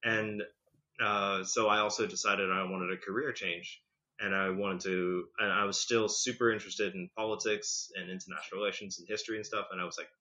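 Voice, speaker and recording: A man in his thirties appears as a podcast guest, telling his story in a lively, chatty way and leaning heavily on "like" and "you know." His voice is lowish and a little fast, on a dull lo-fi recording.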